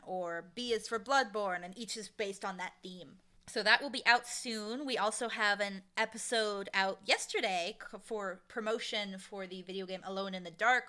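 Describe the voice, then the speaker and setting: An audio drama showrunner and dialogue editor, this woman speaks in a medium-pitched, sharp-toned voice. She's a chatty interview guest whose delivery is enthusiastic and emphatic.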